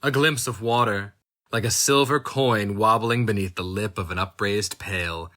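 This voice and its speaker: Reading dark fiction aloud, this male narrator keeps a slow, intense delivery that occasionally breaks into strained, high-pitched outcries.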